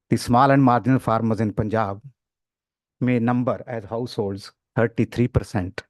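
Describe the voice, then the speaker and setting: A low-pitched man presents research at a seminar. He explains his points in a measured way, with occasional fillers. The sound is dry and close, with little room echo. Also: darkish tone. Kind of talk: academic presentation. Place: conference room.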